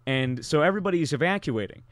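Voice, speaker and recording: A man's voice: a little high, animated, fast talker, no room sound. Rambling young man telling a story. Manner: rambling, many fillers and restarts. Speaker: podcast guest storyteller. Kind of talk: casual podcast storytelling.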